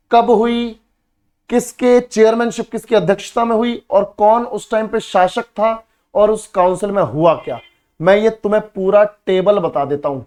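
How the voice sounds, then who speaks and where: Here a man with a high, slightly mellow voice works at a board through an exam-focused history lesson. Repeating key words to drill them in, he addresses students as beta and bhai and answers his own questions.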